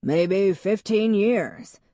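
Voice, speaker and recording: A woman voicing a slow-talking, deadpan middle-aged man in an audiobook. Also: mid-range voice, no echo, studio quality, pitched above the performer's own voice. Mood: earnest.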